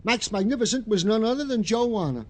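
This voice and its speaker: An actor with an American accent playing an eager, bumbling police sergeant sidekick in a 1950s radio drama, fussy, wordy and stammering. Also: male voice, high-pitched, animated, fast, a little mellow. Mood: self-important reporting. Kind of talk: 1950s radio comic-relief acting.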